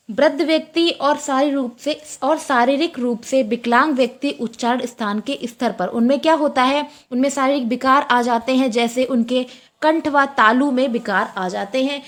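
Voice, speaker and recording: A woman with a high voice gives an exam-prep lecture. She repeats each point slowly, then asks her own questions and answers them. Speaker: teacher.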